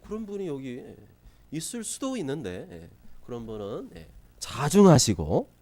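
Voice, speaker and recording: A male pastor preaching a sermon from South Korea, lively, acting out scolding parents in quick asides. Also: medium pitch. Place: church sanctuary.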